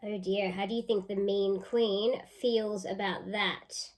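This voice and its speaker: Reading a picture book to a group of children, a female teacher uses a medium-pitched voice. Her delivery is expressive, and she stops now and then to put questions to them.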